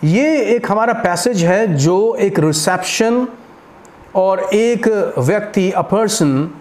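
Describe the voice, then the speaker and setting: A man with an Indian accent leads an English pronunciation lesson in a high voice. He speaks slowly and deliberately, repeating each word again and again as a drill. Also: animated, darkish tone.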